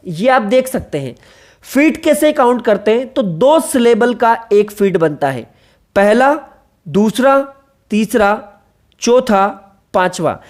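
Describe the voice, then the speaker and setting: A woman's voice: fairly high pitch, darkish tone. A woman teaching an exam-prep literature lecture, explaining step by step, repeating key terms, spelling them out letter by letter and checking in with rhetorical questions.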